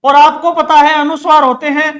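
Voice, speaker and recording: A man's voice: very high voice, little pitch movement, brisk, fairly bright tone. A man teaching an exam-prep grammar lesson, asking questions and answering them himself, repeating key words. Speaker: Hindi teacher.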